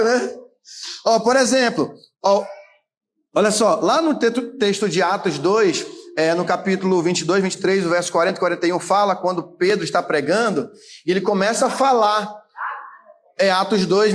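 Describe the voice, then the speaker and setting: A man in his late thirties, a pastor, preaching a sermon in a conversational way, with frequent tag questions and occasional shouted emphasis. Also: sits high. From Brazil. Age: 30s.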